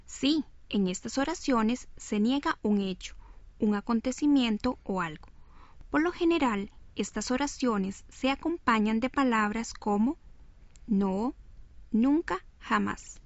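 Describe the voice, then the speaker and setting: A woman presenting a scripted radio lesson, speaking clearly and deliberately to demonstrate intonation. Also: a little high, lively intonation, dry recording. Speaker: radio teacher. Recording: dull lo-fi recording.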